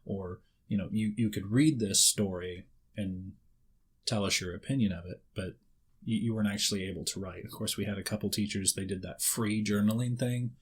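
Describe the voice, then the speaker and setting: A guest writer in his thirties talks casually in a conversation, rambling and often repeating words as he starts a thought. His voice is lowish and slightly rough.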